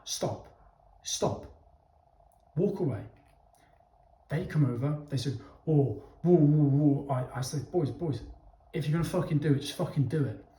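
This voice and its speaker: With a mellow, fairly high-pitched voice, a young man delivers a casual monologue of opinions to his viewers. He's blunt, sweary and emphatic, addressing the audience head-on and often asking "okay?". The sound is echoey and roomy.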